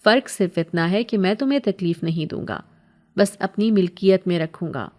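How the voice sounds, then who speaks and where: A possessive male jinn, cold and commanding, low and menacing in a horror storybook, as a woman puts him on. The tone is dark and mellow and does not rise much above her own range. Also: natural voice. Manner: low, menacing, roaring when angry.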